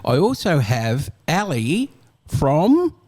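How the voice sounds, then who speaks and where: A man's voice: a little high, huge pitch swings, takes it slowly, a little mellow. A man hosting a radio show, rambling and joking in a casual way. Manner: rambling, jokey, hesitant. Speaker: radio host. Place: radio studio.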